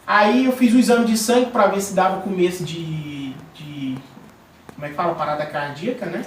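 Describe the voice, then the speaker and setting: In an echoey room captured by a distant mic with faint noise, a man with a high-sitting voice guides a small church cell group. His informal sermon includes a personal testimony, told animatedly at a moderate pace. Fillers and restarts come up frequently.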